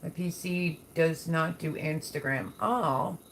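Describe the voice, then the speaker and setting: Speaking slowly in a deep voice, a livestream host answers and reads out viewer comments with folksy warmth during a casual live chat. A slight background noise is audible.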